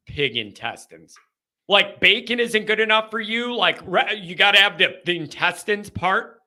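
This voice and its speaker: A young man hosting a live sports call-in stream, ranting casually with animated, exasperated mock outrage. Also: high voice. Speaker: host of a sports call-in show.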